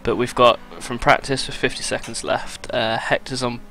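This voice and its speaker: A man, commentating a sim racing event in a relaxed, chatty way. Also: mid-range voice, moderate pace, soft background music. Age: 20s. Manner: relaxed, chatty, reads out lap times with fillers. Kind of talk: casual race commentary.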